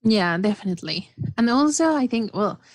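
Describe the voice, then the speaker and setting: A woman's voice: medium pitch, moderate pace, no room sound. A woman guest on a film podcast, talking enthusiastically in casual discussion. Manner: enthusiastic, animated.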